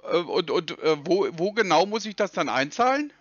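A man with a high, animated voice mocks and teases a caller during a prank phone call. His tone is bright and sharp. The sound is dry and slightly dull, like phone audio. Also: normal speed, no room sound. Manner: taunting, teasing, laughs at the caller.

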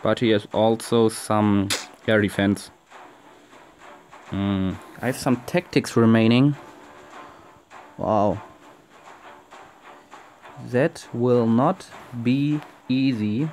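A man's voice: on the low side, steady tone, drawn-out words, long pauses, darkish tone, slight background noise. A young man with a German accent commentates a strategy game he is playing at home, cursing at his troops and talking to his viewers. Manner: frustrated, swearing, talks to viewers. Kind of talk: casual gameplay commentary.

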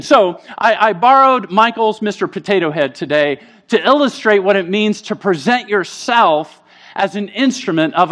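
A middle-aged man preaching a sermon as pastor, telling stories with lively acted-out voices. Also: high-pitched. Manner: animated storytelling, acting out quoted voices. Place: church sanctuary.

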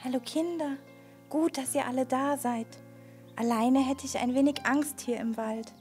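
A woman puppeteer voicing a kind, slightly timid young girl in a children's puppet show, who speaks gently and earnestly to the children. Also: high voice, fairly even intonation, moderate pace, faint music behind.

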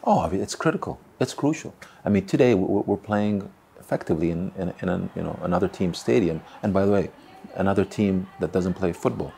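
A man in his forties, a club chairman in a sit-down interview, speaking haltingly with many repeats and fillers. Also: sits low, animated, creaky, dark tone, a little hiss or hum. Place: indoor room by a window. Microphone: close mic, seated on camera.

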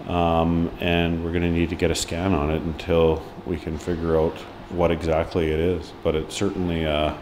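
A steady press-room hum underlies this clip of a hockey head coach, a man in his forties, fielding questions after the match. He's indoors before a sponsor board, and his deep, very low voice stumbles forward in bursts, with frequent ums, false starts and blunt comments.

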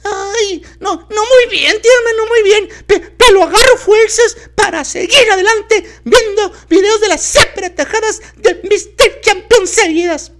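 A very high, sobbing boy. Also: measured pace, few pauses, a bit bright, heavily acted. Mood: weepy. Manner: whimpering, sobbing while talking. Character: whiny tearful Costa Rican boy Tilín.

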